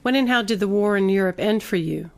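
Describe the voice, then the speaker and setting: A woman's voice: mid-range voice, brisk, gravelly. A woman interviewer reading out prepared questions in a formal interview.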